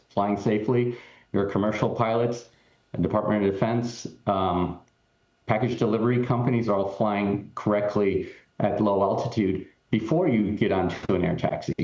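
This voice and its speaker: This tech company chief executive has a lowish, somewhat dark-toned voice. Appearing remotely as a TV interview guest, he answers questions earnestly but keeps saying "um" and restarting his sentences, all over a roomy, dull feed.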